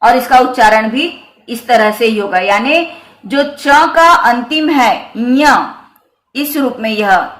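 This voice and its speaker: Woman teacher going over hindi script slow and careful, a bit high voice, lots of room echo. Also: a bit bright. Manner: slow, careful explaining with repeated examples. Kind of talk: grammar lesson on the Hindi script.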